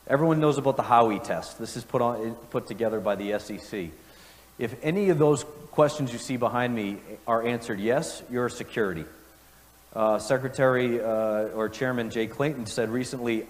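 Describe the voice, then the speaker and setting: A man giving a conference keynote as a company executive, with a polished, confident corporate pitch and emphatic delivery. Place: large indoor conference room. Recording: echoey conference hall, long reverb.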